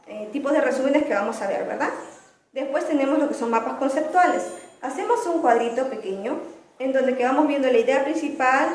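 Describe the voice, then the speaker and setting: A woman's voice: high-pitched, a little mellow, roomy sound, low-quality recording. A young woman, a student, giving a class presentation, explaining topics and posing questions she then answers herself. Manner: explanatory, often asks and answers her own questions.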